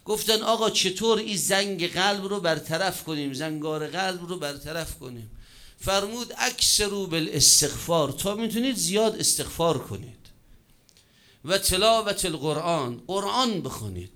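Storytelling male preacher, higher voice. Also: animated. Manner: storytelling with wide swings in pace and loudness, joking asides. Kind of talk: sermon.

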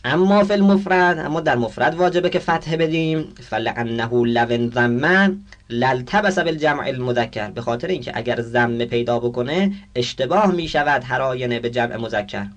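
Man teaching, asks and answers his own questions. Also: medium pitch. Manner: asks the class questions and answers them himself; reads Arabic text, then explains it. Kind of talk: lecture on Arabic grammar.

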